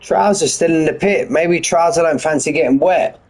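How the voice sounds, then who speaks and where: A man's voice: fairly high pitch, moderate pace, darkish tone, husky, soft background music, rough recording. A man giving live race commentary on a stream from his front room at home, chatty and full of banter with his viewers. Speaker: sim racing commentator.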